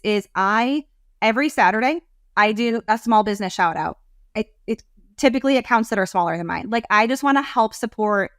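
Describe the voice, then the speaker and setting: A woman business coach talking as a podcast guest, animated, rambling and heartfelt. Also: medium pitch, no room sound, clean studio sound. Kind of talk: casual interview talk.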